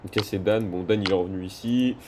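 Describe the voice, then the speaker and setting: A man's voice: low-pitched, a little fast, noisy background. A man playing a video game and commentating casually, joking and talking to viewers and characters. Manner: jokey, excitable, talks to viewers and game characters. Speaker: gaming video host. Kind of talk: casual let's-play commentary. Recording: loud game music behind.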